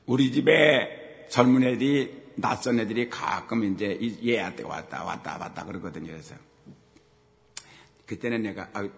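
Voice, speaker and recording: A middle-aged male pastor giving a sermon, telling personal stories. He acts out dialogue and swings between loud exhortation and quiet asides. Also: lowish voice, normal speed, gravelly. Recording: long hall reverb.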